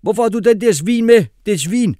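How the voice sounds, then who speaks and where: A shrill rowdy young street guy. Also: lively intonation, dry recording, studio quality. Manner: shouting in slang. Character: rowdy young man, loud boastful street slang.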